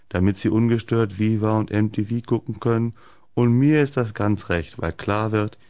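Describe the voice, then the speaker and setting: A man hosting a radio show, reading humorous texts aloud in a deadpan way into a studio microphone. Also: lowish voice, dry recording. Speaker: radio host.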